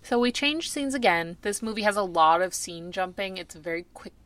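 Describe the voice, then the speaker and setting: A woman's voice: mid-range voice, animated, a little fast, a bit bright, dry recording. A woman co-hosting a podcast in casual chat about a film, recapping scenes and asking questions. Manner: recaps scenes, asks questions, laughs easily. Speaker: podcast co-host.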